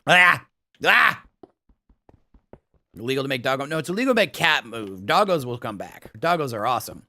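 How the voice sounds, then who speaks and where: A man live-streaming a game, chatting casually, reading out chat, thanking viewers for follows and subs, and breaking into excited laughter. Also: mid-range voice, fast talker, dry recording.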